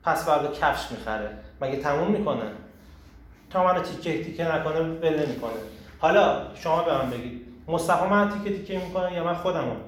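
A man hosting a casual group talk on personal growth, animated and emphatic, often asking rhetorical questions. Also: a little high. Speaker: host leading a group discussion. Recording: echoey room, far from the mic, faint noise.

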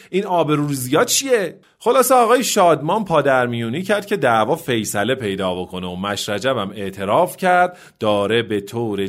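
A male host tells a humorous story in a relaxed, conversational way. His pitch sits in an ordinary middle range. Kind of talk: narrated storytelling.

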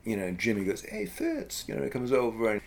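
A man's voice: lowish voice, very fast, gravelly. A middle-aged man telling a childhood story in a casual chat, rambling with lots of fillers and restarts. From US East Coast.

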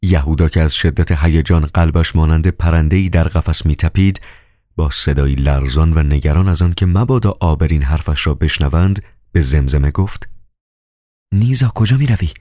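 A man reading a novel aloud as an audiobook narrator, steady and measured. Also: extremely low pitch, no echo, clean studio sound.

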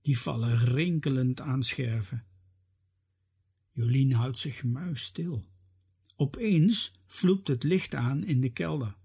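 A narrator reading a children's story aloud in an expressive, lively manner. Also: medium pitch, slow, husky.

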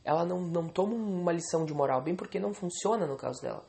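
A man's voice: on the high side, expressive, fast, gravelly, mellow. A young man venting angrily and swearing on a solo podcast recorded alone at home.

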